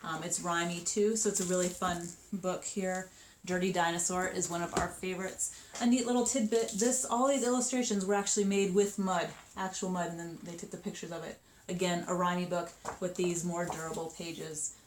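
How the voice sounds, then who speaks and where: A woman in her thirties chatting upbeat about children's books, with lots of ums and quick asides. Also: fairly low pitch, fairly even intonation. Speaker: children's book seller. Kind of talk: casual book showcase. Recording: echoey room with faint noise.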